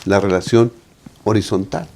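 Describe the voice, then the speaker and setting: Low-voiced Mexican pastor, preacherly. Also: male voice, expressive, normal speed, creaky, darkish tone. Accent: Mexican Spanish. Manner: preacherly, often adds tag questions. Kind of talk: Sabbath school lesson discussion.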